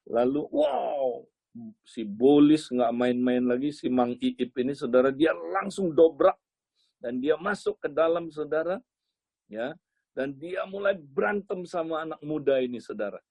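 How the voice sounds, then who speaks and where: A man preaching a sermon as a lively story, often turning to address his listeners directly. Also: fairly high pitch, normal speed, dry recording.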